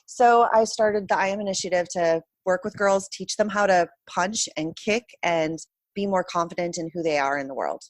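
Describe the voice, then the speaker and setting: A woman's voice: lowish voice, normal speed, hardly any pauses, no echo. A woman answering interview questions as a guest in a candid, reflective conversational way. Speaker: interview guest, self-confidence coach.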